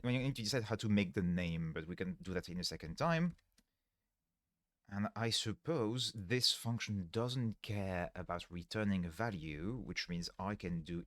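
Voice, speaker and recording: A tired programmer live-streams his coding on a headset mic, thinking aloud step by step and correcting himself mid-sentence as he explains. His voice runs on the low side, and the sound is clean and studio-like with no room sound.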